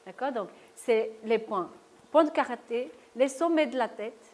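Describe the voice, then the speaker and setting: Speaking unhurriedly in a slightly high, somewhat mellow voice, a workshop presenter on stress shows an audience how tapping works. She takes the lecture room through each step, frequently asking "d'accord?".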